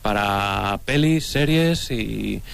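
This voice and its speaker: A man's voice: on the low side, expressive, very slow, vocal fry. Male audience guest from Basque Country, plain short answers, slight background hiss. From Basque Country, Spain. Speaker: audience contestant. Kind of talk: casual answers to host.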